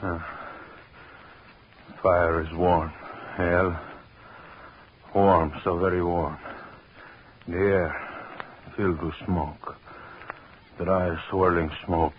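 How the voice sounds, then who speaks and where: An actor playing a vengeful, obsessive husband in a 1940s radio horror drama, brooding and gloating with menace. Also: male voice, deep voice, level tone, extremely slow, long pauses. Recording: muffled, noisy 1940s radio recording.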